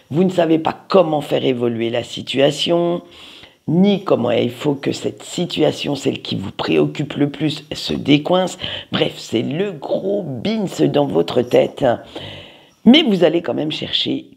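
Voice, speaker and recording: A card reader with a very gravelly, husky voice talks straight to viewers in a weekly tarot reading. The delivery is slow but lively, swooping up and down in pitch, with a playful, chatty manner that often searches aloud for the right word. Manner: talks straight to viewers, peppering lines with "hein".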